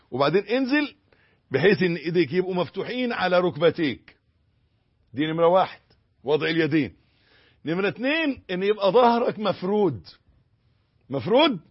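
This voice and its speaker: An Egyptian man with a slightly high, husky voice gives a sermon on how to recite and pray. He drawls the verses when he demonstrates them, then pushes hard on corrections. The recording sounds muffled and lo-fi. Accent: Egyptian Arabic. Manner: instructive, demonstrates recitation slowly, swings from emphatic to hushed. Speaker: religious teacher. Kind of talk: sermon teaching prayer and recitation.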